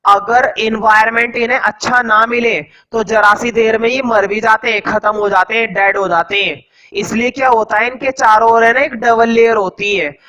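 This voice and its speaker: A man teaching a class, slowly dictating notes word by word and asking the students quick questions in between. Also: high voice, steady tone, sharp tone, rough recording. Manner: quizzes students with rhetorical questions; teasing, joking. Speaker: science teacher. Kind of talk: classroom lecture.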